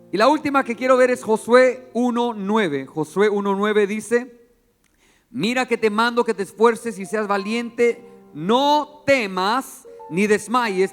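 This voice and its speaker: A man preaching a lively sermon to young people, asking the audience questions and reading scripture aloud. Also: sits high. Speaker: youth preacher. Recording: long hall reverb.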